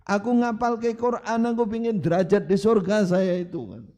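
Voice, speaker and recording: A man voicing a gruff elderly male sheikh who scolds a young man. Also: high-pitched, lively intonation, normal speed, warm tone, voice pushed up. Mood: scolding. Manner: scolding, slightly mocking tone.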